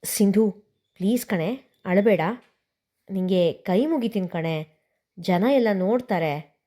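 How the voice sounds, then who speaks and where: A woman voicing a restrained young man who pleads gently in a storybook serial. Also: mid-range voice, lively intonation, slow pace. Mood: pleading.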